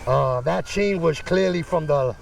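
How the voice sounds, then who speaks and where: A man with a notably high, creaky voice talks from inside a motorcycle helmet. He chats casually in easygoing street slang, like a vlogger on the move. Clear traffic and engine noise sits behind him. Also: a little slow. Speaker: motovlogger. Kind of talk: casual vlog commentary while out riding. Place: outdoors on city streets, motorcycle.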